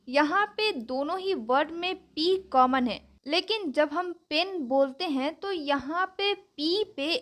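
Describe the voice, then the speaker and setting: A woman teaching a lesson, explaining terms slowly and carefully with example words. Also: high-pitched.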